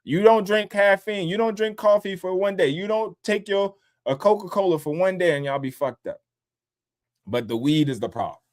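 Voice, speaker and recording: A man hosting a livestream from home, talking loosely and with plenty of swearing. He is animated, and he swings from low, easy asides up to high mocking voices. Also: normal speed. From born in upstate New York, raised in the DC area. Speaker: livestream host. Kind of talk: casual livestream commentary. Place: home in Columbus, Ohio.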